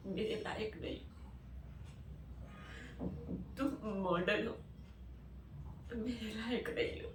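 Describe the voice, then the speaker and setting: A woman auditioning as a heartbroken, rejected young woman, speaking in a pleading, halting, emotional way. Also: a little high, a little hiss or hum. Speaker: actor auditioning. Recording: roomy, far from mic, faint ambience.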